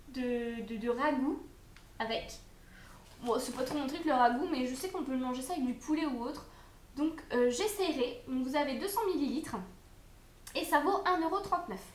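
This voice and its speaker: High-voiced woman unboxing food, echoey room. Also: slight background noise. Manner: chatty, hesitant with many fillers. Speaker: unboxing vlogger. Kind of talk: casual product review.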